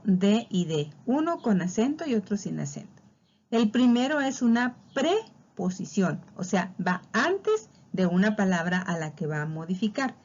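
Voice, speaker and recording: A woman's voice: mid-range voice, darkish tone, highs cut off. A woman teaching a spelling lesson, patiently walking through examples and drawing out key words. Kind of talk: spelling lesson explained over slides.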